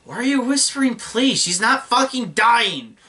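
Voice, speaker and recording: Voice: mid-range voice, lively intonation, a little slow, pushed and bright, faint music behind. A young adult movie reviewer ranting in disbelief and swearing often while talking through a film. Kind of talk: profane film review commentary.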